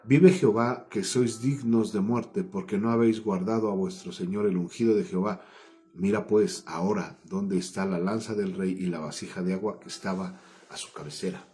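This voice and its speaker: A man's voice: low-pitched, fairly even intonation, normal speed, mellow. A Mexican Spanish-speaking man preaching a Bible study, reading scripture aloud and then explaining it in his own words with frequent restarts.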